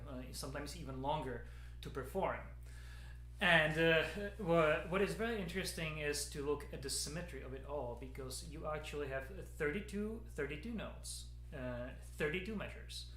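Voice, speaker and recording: A man, a piano professor giving a casual spoken introduction to a piece, talking haltingly with many fillers and repeated words over a webcam in his studio. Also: on the high side, pushed and bright, echoey room, slight background noise. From Czech Republic. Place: piano studio at a university, indoors. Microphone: webcam at desk, video call.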